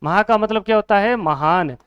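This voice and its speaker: A man's voice: high-pitched, moderate pace, clear, resonant tone, no room sound, muffled recording. A man teaching a Hindi grammar lesson for exam students, asking questions and answering them himself, repeating each key word.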